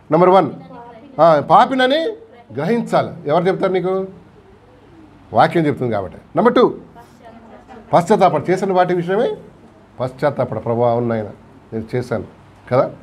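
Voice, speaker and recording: A pastor with a Telugu accent preaches in a church hall, his high voice animated and brisk but broken by long pauses. Along the way he puts questions to the congregation and acts out quotes.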